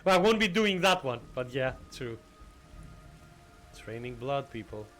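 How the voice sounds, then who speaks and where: A man livestreaming a video game with casual, jokey, halting commentary to his chat. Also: medium pitch, sing-song, a bit bright. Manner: jokey, chatty, halting fillers.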